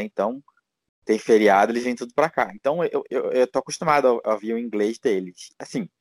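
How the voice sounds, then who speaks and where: A man's voice: medium pitch, a little mellow, dry recording. Rambling Brazilian man, dry sound. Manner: rambling, many fillers and restarts. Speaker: guest, teacher living abroad. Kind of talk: casual interview chat.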